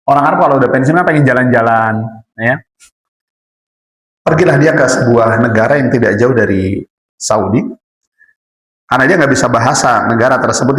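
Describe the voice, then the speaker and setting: A man's voice: medium pitch, a bit bright. A man teaching an Islamic study class, speaking conversationally, asking the audience rhetorical questions and calling them "Pak". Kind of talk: religious study lecture. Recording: echoey room.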